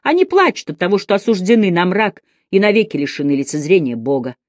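A woman's voice: lowish voice, big pitch swings, quick pace, darkish tone, no room sound. A woman reading a frantic older male goldsmith who cries out in dread at his visions. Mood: awed.

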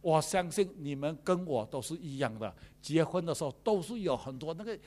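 A man, a pastor preaching a sermon in a lively, joking way. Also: on the high side, a little fast.

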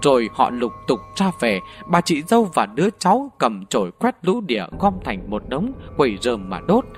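A man narrating a ghost story audiobook in an animated, vivid way. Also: mid-range voice, normal speed, faint music behind.

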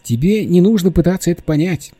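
An irritable young man who takes charge, as a male reader plays him. He speaks in a curt, impatient, commanding way, in a dark, husky voice. The recording is dry. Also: sits high, expressive, brisk, dry recording, pitched above the performer's own voice.

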